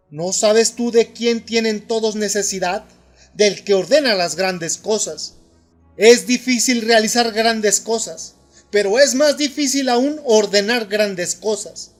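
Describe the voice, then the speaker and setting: A grave, commanding inner voice with no body speaks through a man narrating an audiobook. It sits high in pitch and presses the listener with urgent questions. Soft music plays faintly underneath. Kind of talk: audiobook reading.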